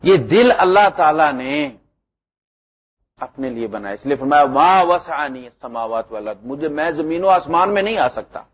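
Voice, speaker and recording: A middle-aged man preaches with a fairly high, husky voice. He is animated, pushing lines out loud and then dropping low. The recording is muffled and lo-fi. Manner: animated, swings between loud emphasis and low asides. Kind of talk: sermon.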